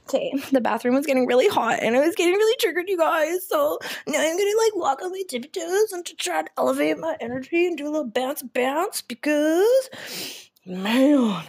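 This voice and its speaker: Young woman vlogger, high voice, rambling, profane, emotional self-talk. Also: very animated, moderate pace, darkish tone. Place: at home, lying on the floor.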